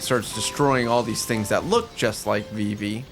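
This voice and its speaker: This podcast co-host has a fairly low voice and a measured pace. He keeps the casual chat jokey and colloquial, with music playing behind him.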